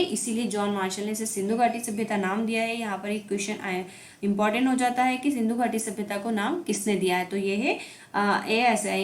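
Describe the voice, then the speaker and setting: A woman's voice: medium pitch, a little mellow. A woman teacher giving an exam-prep history lecture, explaining step by step and often checking that her students follow. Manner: explanatory, repeats "ठीक है" to check understanding. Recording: echoey room.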